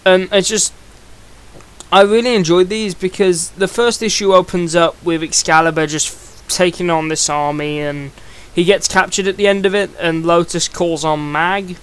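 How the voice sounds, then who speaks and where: A young man talks through a review in a casual, rambling way, often restarting his sentences. His voice sits a little high for a man and sounds smooth and clear. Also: fairly even intonation, moderate pace, fairly bright tone. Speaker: comic book reviewer.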